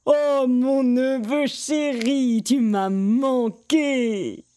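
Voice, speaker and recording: A woman's voice: a little high, takes it slowly, dark tone. Woman doing a doting, affectionate aunt.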